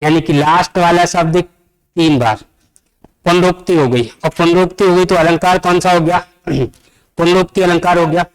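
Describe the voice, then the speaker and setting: A man's voice: high voice, fairly even intonation, moderate pace, clear, resonant tone, rough recording. A male teacher giving an exam-prep grammar lesson, explaining step by step and putting questions to the class. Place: coaching classroom.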